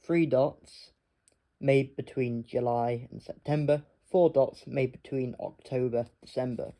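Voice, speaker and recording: A man giving a casual explanatory review, speaking haltingly as he spells out details piece by piece. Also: medium pitch, fairly even intonation, mellow. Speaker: product reviewer.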